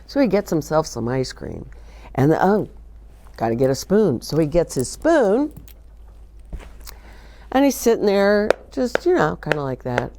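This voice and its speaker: Here is an older woman running a story time for children, mixing read-aloud with lively chat about picture books and direct questions to her young audience. Her deep, mellow voice swings widely in pitch, and she takes her time with long pauses; a faint hiss or hum is audible.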